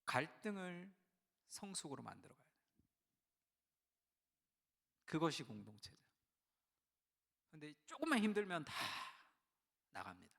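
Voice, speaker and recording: A middle-aged man preaching a sermon in a church, telling stories and acting out the voices he quotes, swinging between hushed and loud. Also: medium pitch, vocal fry, big-room sound. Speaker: pastor. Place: church sanctuary.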